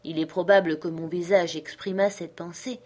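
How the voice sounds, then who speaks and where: A woman's voice: on the low side, steady tone, moderate pace, a little mellow. Woman reading a classic adventure novel. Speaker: audiobook reader. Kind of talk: scripted narration.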